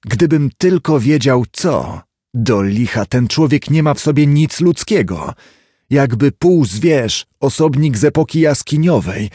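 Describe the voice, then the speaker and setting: A man reading an audiobook, voicing a dignified middle-aged lawyer who speaks in a formal, measured, insistent way. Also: mid-range voice, darkish tone, no echo, clean studio sound, pitched above the performer's own voice. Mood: brooding. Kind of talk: audiobook character voice.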